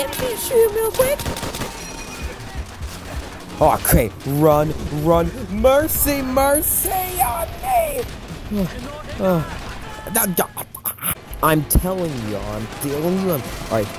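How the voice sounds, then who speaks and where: A man giving let's-play commentary over his game. His pitch swings widely as he rambles, cracks jokes and chants taunts at enemies. Game music runs underneath. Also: wildly swooping pitch, slow, pauses often. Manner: joking, rambling, yells repeated taunts at enemies. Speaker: gamer playing a war shooter. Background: game soundtrack and gunfire.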